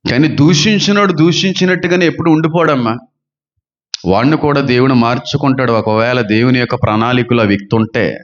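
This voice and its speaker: Fervent pastor, lo-fi sound. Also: male voice, medium pitch. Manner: fervent, rhetorical questions, swings between loud and soft; says he talks fast and gives quick counters. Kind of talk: preaching sermon. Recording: dull lo-fi sound.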